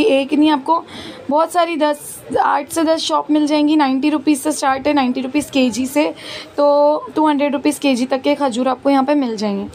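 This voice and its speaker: A woman's voice: high-pitched, creaky, a little mellow. A woman, chatting and listing prices as she walks a busy outdoor street market, filming on a phone. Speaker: market vlogger. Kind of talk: walking market tour vlog. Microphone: handheld phone camera. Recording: street noise in background. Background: street market ambience.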